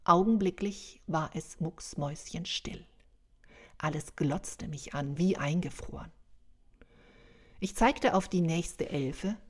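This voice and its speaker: A woman tells a first-person story in a wry, unhurried way. She speaks very slowly, and her voice sits a little low.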